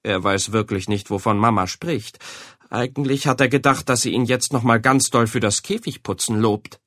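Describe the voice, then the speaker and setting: A man reading a children's storybook aloud in a lively, expressive way. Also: medium pitch, moderate pace, no echo, clean studio sound.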